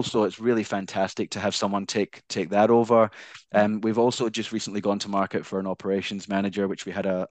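A man from Glasgow with a softened Scottish accent, answering interview questions conversationally in a hesitant way with careful enunciation. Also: lowish voice, no echo. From Glasgow, Scotland. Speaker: founder of a not-for-profit, interview guest.

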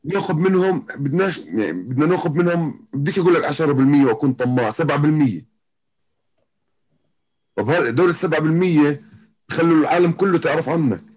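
This Jordanian MMA fighter has a higher-pitched, husky, slightly mellow voice, speaking fast and expressively on a rough recording. With a Palestinian-Jordanian Arabic accent, he chats casually as an interview guest and keeps revisiting his phrases.

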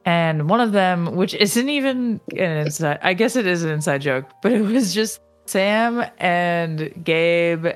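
A woman in her twenties co-hosting a podcast in casual chat, chatty and quick, full of fillers and laughter. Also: fairly low pitch, animated, soft background music. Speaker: podcast co-host.

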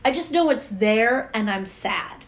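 Slow-talking woman, joking casual chat. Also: fairly high pitch. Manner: jokey, animated, self-deprecating.

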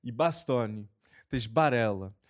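A man co-hosting a casual sports podcast, talking lively and laughing often. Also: medium pitch, measured pace. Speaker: podcast co-host.

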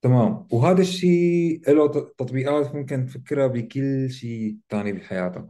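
A man's voice: medium pitch, fairly quick, mellow. A man with a Levantine Arabic accent explains ideas in casual discussion as a co-host, often checking in with short tag questions.

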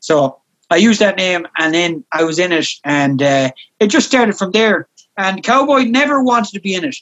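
A comedy actor with a west of Ireland accent, appearing as a podcast guest, tells casual anecdotes, rambling, repeating himself and swearing now and then. His voice is high and fairly bright, at a moderate pace, and the recording's highs are cut off.

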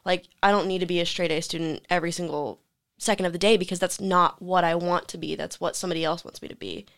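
A woman's voice: lowish voice, fairly even intonation, fast talker, creaky, a bit bright. A young woman in a casual panel discussion, speaking conversationally with many fillers. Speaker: student panelist.

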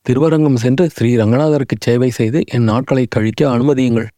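A dignified old minister full of remorse, as a man reads him. He pleads humbly in a dark, mellow voice. The recording is close and dry. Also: mid-range voice, fairly even intonation, brisk, dry recording, lightly acted. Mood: remorseful.

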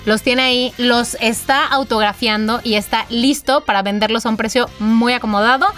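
A woman hosting a podcast, chatting in a lively, teasing way. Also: on the high side, moderate pace, faint music behind. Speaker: podcast host. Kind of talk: casual podcast chat.

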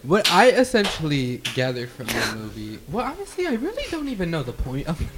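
A young man co-hosting a casual podcast, hesitant and filling every pause with "like". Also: a little high, huge pitch swings, background noise. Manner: constant "like" fillers, hesitant. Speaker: podcast co-host.

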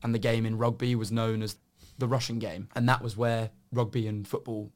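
Man, mid-pitched, discussing. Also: flat delivery, a little fast. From Somerset, southern England. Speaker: podcast co-host.

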